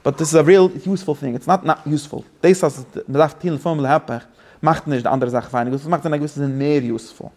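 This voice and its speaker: A man teaching an informal religious class to students, halting, with many restarts and repeated words, and English phrases mixed in. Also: a little high, steady tone, a little mellow.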